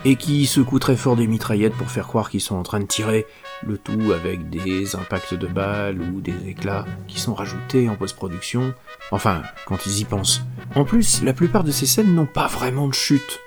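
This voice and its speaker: A man's voice: lowish voice, moderate pace, over music. A man giving a comic spoken film review in a sardonic, exasperated manner.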